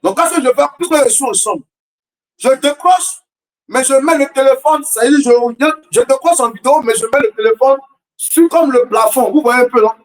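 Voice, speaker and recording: A man preaches a fervent sermon in a strikingly high voice. He hammers at repeated questions, often shouting, and drifts into a sing-song preaching cadence. His voice sounds distant from the microphone. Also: moderate pace. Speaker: prophet preaching a morning prayer.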